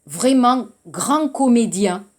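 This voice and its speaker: A woman's voice: on the high side, expressive, slow pace. A woman from France teaching a French class, explaining patiently and repeating phrases, with a few Korean words mixed in.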